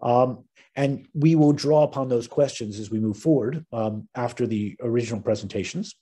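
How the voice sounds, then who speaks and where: Heard over a video-call microphone, a middle-aged American webinar host and moderator gives formal opening remarks. He speaks with earnest, measured delivery in a husky, mellow mid-range voice, now and then slipping in an "um" or a restart.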